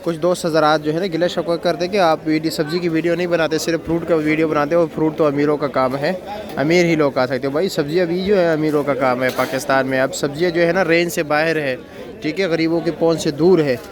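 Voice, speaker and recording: Speaking fast in a slightly high, steady voice, a Pakistani-accented man records a market vlog, quizzing vendors briefly and echoing the prices they quote. He's at an outdoor wholesale vegetable market, surrounded by a bustling crowd and chirping birds.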